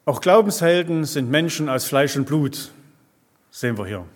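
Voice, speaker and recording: A man with a somewhat high voice preaches in an easy, conversational way, checking in with his listeners after almost every thought. His voice rings out with a long reverb, as in a large church hall. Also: animated, moderate pace. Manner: peppers speech with tag questions like "ja" and "ne". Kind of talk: conversational sermon.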